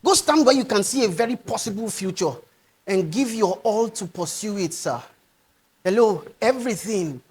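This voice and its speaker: A middle-aged man with a strikingly high-pitched voice preaches to young people. He swings between loud, driving urging and quiet, pleading appeals. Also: animated, moderate pace, breathy edge. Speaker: motivational speaker. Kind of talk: motivational speech to young people.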